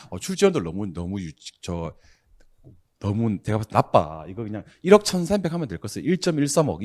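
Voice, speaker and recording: Middle-aged male classroom instructor, lowish voice that swings widely, quick to scold and tease. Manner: brisk, scolding, teasing, loud bursts of exasperation. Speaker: real estate exam instructor. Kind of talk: classroom lecture drilling students.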